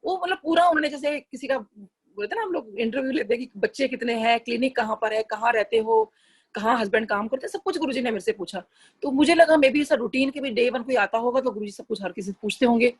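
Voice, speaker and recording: A middle-aged woman recounts a devotional memory in a chatty, earnest way. Her voice sits a little high, with a husky edge. She mixes English phrases into her telling and restarts her sentences now and then. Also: lively intonation, fast. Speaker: satsang devotee sharing a personal experience. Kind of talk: casual spoken testimony.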